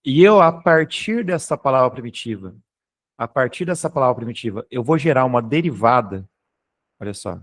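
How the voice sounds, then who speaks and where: A man's voice: medium pitch, lively intonation, moderate pace. A man with a Brazilian Portuguese accent teaching a grammar class online, explaining step by step and checking in with students often. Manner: explanatory, keeps checking in with "tá?" and "beleza?"; informal, occasionally swears.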